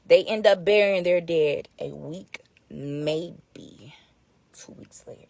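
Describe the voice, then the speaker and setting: A woman vlogging from a car on her phone, blunt and profane, swinging from soft whispers to loud outbursts. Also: lowish voice, slow pace, gravelly, no echo. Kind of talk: emotional personal vlog talk. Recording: noisy background with vehicle sounds.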